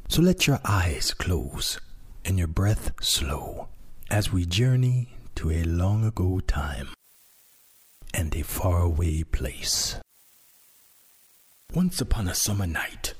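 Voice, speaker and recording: A man narrating a sleep story in a slow, hushed, calming manner. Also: low-pitched, husky.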